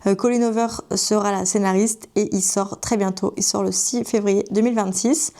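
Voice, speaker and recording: A young woman in her twenties from France, talking to camera as a book vlogger in a chatty, gushing way. Her tone is mellow and soft at a middling pitch. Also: fairly even intonation, normal speed. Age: 20s. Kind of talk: casual chat to camera.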